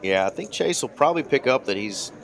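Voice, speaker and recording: A man giving relaxed, chatty color commentary on a live poker stream, reading out viewer comments. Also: mid-range voice, brisk, gravelly, crowd noise. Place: poker card room broadcast desk.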